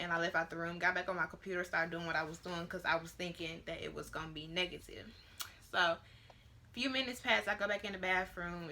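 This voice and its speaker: Late-teen woman, bright clear tone, rambling casual chat, many ums, home vlog on a tripod camera. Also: on the low side. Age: late teens. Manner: chatty and rambling, with many fillers. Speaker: vlogger. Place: at home, near her bedroom.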